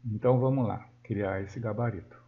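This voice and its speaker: A Brazilian man with a Brazilian Portuguese accent gives a screen-recorded software tutorial, thinking aloud as he works and correcting himself often. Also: fairly low pitch, normal speed. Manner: thinks aloud while working, with frequent self-corrections. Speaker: software instructor. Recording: dull lo-fi sound.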